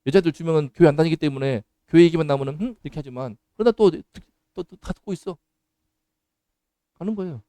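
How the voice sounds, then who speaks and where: A man, a pastor, preaching a sermon with anecdotes, moving between calm storytelling and loud, scolding exhortation. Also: fairly high pitch, fast talker, no echo. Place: church sanctuary.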